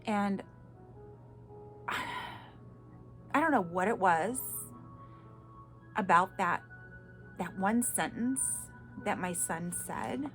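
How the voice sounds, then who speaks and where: A woman in her fifties sharing a personal story in a vlog, halting and heartfelt, crying at times. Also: mid-range voice, expressive, faint music behind. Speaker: vlogger.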